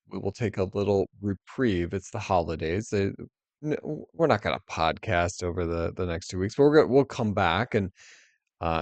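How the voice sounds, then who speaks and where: Man, podcast host, gravelly deep voice, dry recording, relaxed. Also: no room sound. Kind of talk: casual podcast chat, sign-off.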